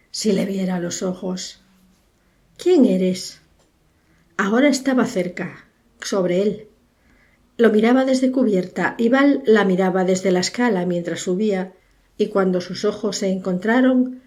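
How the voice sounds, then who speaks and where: A woman narrating a literary story for an audiobook, in a measured, unhurried storytelling manner. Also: mid-range voice, darkish tone.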